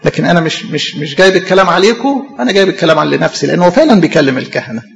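A man's voice: on the high side, lively intonation, very fast, gravelly, long reverb tail, dull audio, a little hiss or hum. A man with an Egyptian Arabic accent, a priest giving an impassioned sermon straight to his congregation. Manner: impassioned preaching, addresses the congregation directly.

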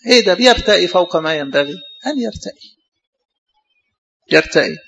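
A man with an Egyptian accent, a priest giving a sermon, animated, with mocking asides to the congregation. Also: sits high, fairly quick, creaky. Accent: Egyptian Arabic.

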